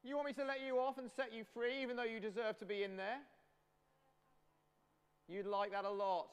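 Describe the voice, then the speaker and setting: A man's voice: very high voice, level tone, moderate pace, clear, resonant tone, voice pushed up. A man playing an imperious king who scornfully questions a prisoner, in a long reverberant hall. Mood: mocking.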